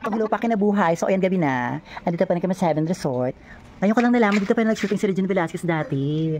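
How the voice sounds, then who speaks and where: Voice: mid-range voice, lively intonation, quick pace, darkish tone, a little hiss or hum. A vlogger with a Filipino accent, chatting through a casual travel vlog, playful and exclaiming, often out of breath.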